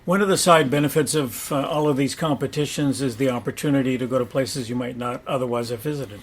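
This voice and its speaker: A man conducts an interview in a mid-range voice. He puts his questions in a measured, orderly way. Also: medium pitch, breathy edge.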